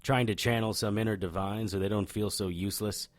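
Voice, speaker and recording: Here the cocky, wisecracking occult detective of a noir audio drama is voiced in a lowish register with fairly even intonation, slightly quick and only lightly acted. The man stays wry and irreverent, probing with swagger through dialogue and first-person narration.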